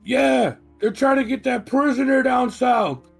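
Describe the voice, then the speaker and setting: A man at a tabletop game putting on his adventurer's magically amplified, booming voice, loud and confident. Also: a little slow, creaky, slightly rough, soft background music, exaggerated voice. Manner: loud, confident, high shouting.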